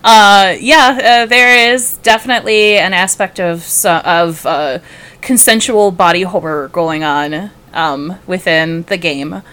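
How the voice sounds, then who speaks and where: Podcast panelist: woman, slightly low voice, casual and informal, pausing to find her phrasing. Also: a bit bright, smooth. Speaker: game writer and podcast panelist. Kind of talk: casual podcast chat, plugging own work.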